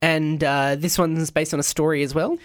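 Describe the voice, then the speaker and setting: A man co-hosting a radio show in casual chat, often halting and searching for words. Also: a little high, little pitch movement. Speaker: radio co-host.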